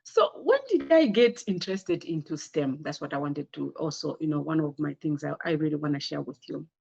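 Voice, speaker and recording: With a Zambian accent, a woman shares her career story with girls in an informal slide presentation, keeping it conversational and often posing rhetorical questions to her audience. Her voice is low, expressive and darkish with vocal fry and a breathy edge, and she speaks briskly. The audio sounds dull.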